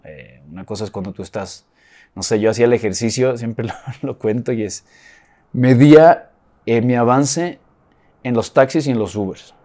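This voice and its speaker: A Chilean-born actor speaking with an acquired Mexican accent, telling his story in a relaxed interview, with many restarts. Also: medium pitch, moderate pace. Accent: Mexican Spanish, acquired. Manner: reflective, with frequent restarts and soft laughs. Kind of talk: casual interview talk.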